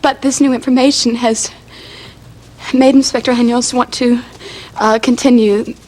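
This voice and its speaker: A woman's voice: on the high side, fairly even intonation, normal speed, darkish tone, poor audio. An actress playing an overjoyed young woman in a 1980s daytime soap, breathless and laughing through tears, heard from an old VHS tape recording. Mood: earnest. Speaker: soap opera character, a young wife.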